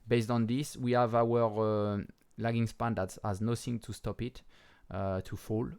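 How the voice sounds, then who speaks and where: A man with a French accent and French as his first language, talking through crypto charts in a casual, halting way with many pauses and restarts, and swearing bluntly now and then. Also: fairly low pitch, little pitch movement, darkish tone, clear, resonant tone. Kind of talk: casual market commentary over charts.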